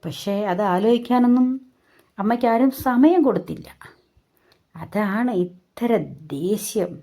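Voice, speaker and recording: A woman, calmly recounting a family story in a reflective way. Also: on the high side, measured pace. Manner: calm, reflective narrating.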